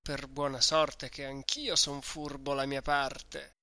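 A man voicing a drunk young man, boastful and muddled, with slurred, drawn-out speech. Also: mid-range voice, level tone, bright, forceful tone, no room sound. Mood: tipsy cheerful.

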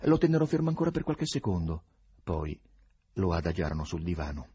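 A man narrating an audiobook in an expressive storytelling manner, with a husky voice. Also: deep voice, a little fast, dry recording. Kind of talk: scripted narration.

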